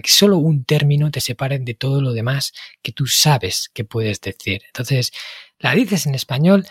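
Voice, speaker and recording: A man's voice: fairly high pitch, breathy edge, dry recording, studio quality. A man hosting a podcast interview, explaining ideas in a chatty, thinking-aloud way. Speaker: podcast host.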